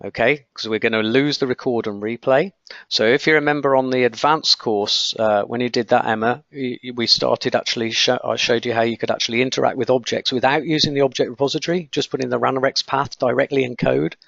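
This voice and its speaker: Teaching software testing in a live webinar, a man with a croaky, medium-pitched voice talks briskly with fairly even intonation. He clicks through screens as he explains, with frequent okays and ums, and the audio is dull with no room sound.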